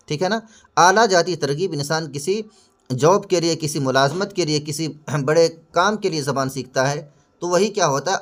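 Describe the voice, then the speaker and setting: A man talks through exam questions like a classroom teacher. His voice sits a little higher than most men's. He poses each question and then answers it himself. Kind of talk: explanatory lesson narration.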